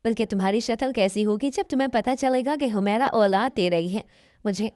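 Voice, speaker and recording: A woman's voice: a little high, fairly quick, a little mellow, no echo, clean studio sound, lightly acted. A woman voicing a scornful husband who taunts his wife in a dismissive, mocking way. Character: scornful husband, a mosque imam, taunting and cold.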